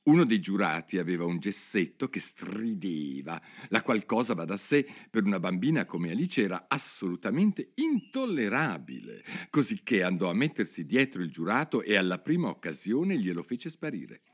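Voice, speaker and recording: A man reading a children's classic aloud as an audiobook narrator, in an expressive, measured way. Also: low voice. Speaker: storyteller.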